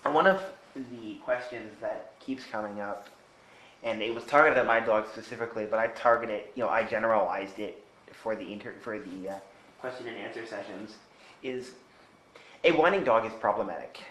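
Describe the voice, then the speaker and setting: A man hosting a casual interview, asking rambling, halting questions full of fillers. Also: lowish voice, fairly bright tone, roomy sound, poor audio. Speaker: interview host.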